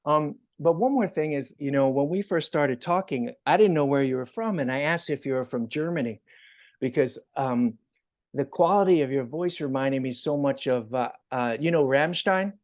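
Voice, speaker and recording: A man's voice: fairly high pitch, normal speed. A man hosting a casual interview, rambling and restarting his sentences with lots of fillers. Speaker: interview host.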